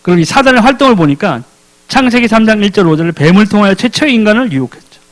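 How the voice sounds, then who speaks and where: A man's voice: high voice, animated, fast, low-quality recording. A man preaching a sermon as a deacon. He asks questions and answers them himself, and acts out the characters in casual speech.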